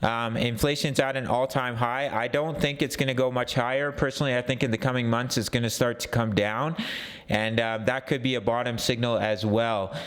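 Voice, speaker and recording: Man, sore throat, clear resonant voice, mid pitch, casual chart commentary, repetitive emphatic phrasing. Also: fairly even intonation, normal speed, fairly bright tone. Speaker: host of a crypto trading channel.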